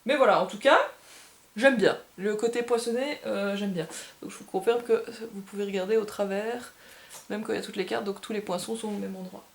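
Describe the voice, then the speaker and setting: A woman's voice: mid-range voice, brisk, vocal fry. A woman casually unboxing and presenting a board game, thinking aloud and gushing with delight over small details. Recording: echoey room.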